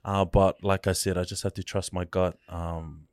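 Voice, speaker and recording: A man, chatting casually as a podcast guest and actor, laid-back and quick to laugh. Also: sits low, level tone, darkish tone, dry recording, studio quality. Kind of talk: casual chat. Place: studio.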